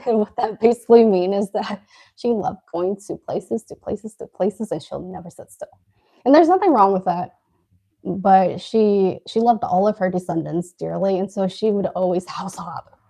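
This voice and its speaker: A woman's voice: medium pitch, normal speed, gravelly, warm tone. A woman co-hosting a casual live stream, telling a story while eating and laughing often. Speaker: co-host.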